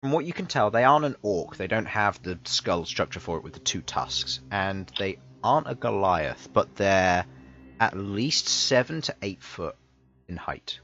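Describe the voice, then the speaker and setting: A man running a tabletop game as game master, describing scenes slowly with many fillers and pauses. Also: fairly low pitch, lively intonation, a bit bright. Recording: dull lo-fi mic, faint music behind.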